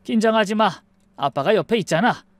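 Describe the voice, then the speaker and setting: A man's voice: high voice, animated, a little fast, no room sound, voice pushed up. A woman voicing a doting father of the bride. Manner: warm, doting. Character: affectionate older father of the bride.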